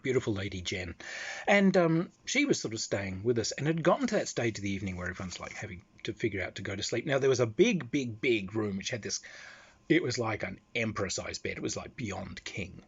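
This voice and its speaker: Name: [name]. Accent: Australian. Sound: husky, lively pitch, lo-fi. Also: male voice, brisk. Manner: animated, laughing often, loose storytelling. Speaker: guest telling convention anecdotes. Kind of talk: casual anecdote.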